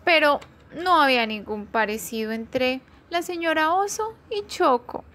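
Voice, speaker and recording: A woman telling a children's story aloud, taking it slow and expressive. Her voice is very high and she lingers over each phrase.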